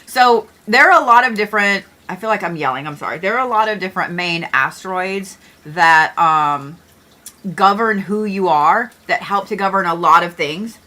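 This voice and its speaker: A woman's voice: fairly low pitch, moderate pace, pushed and bright. A middle-aged woman hosting an astrology livestream, chatting casually and joking with viewers, with the odd swear word.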